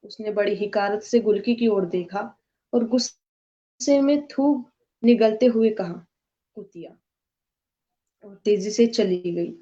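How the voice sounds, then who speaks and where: Woman storyteller, slow and measured, mellow tone, lo-fi sound. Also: medium pitch. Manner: measured, literary reading. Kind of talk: scripted narration. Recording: dull lo-fi recording.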